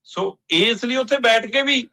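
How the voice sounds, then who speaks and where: A man's voice: very high voice, measured pace, sharp tone. A man giving emphatic political analysis on a talk show, pressing pointed questions.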